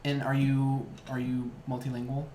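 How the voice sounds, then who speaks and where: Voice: medium pitch, little pitch movement, normal speed, warm tone, reverberant, a little hiss or hum. A young host of a casual interview chat, asking curious questions and reacting eagerly.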